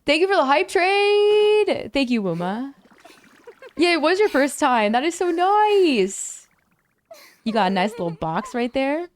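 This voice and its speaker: Her voice worn and a little deeper from talking for hours, a young woman streaming games keeps up a casual, chatty flow with viewers. She slips into excited squeals to thank donors, speaking a little slowly over slight background noise.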